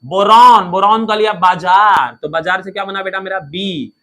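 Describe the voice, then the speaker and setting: A man's voice: sits high, steady tone, moderate pace, sharp tone. A man teaching a lesson in a playful, coaxing way, asking questions and answering them himself. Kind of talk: classroom lesson, coaxing students.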